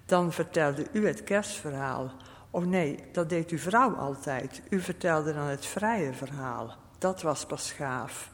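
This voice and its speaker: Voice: mid-range voice, close to an everyday voice. A storyteller voicing a hesitant young man just out of prison, unsure and wistful. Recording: long reverb.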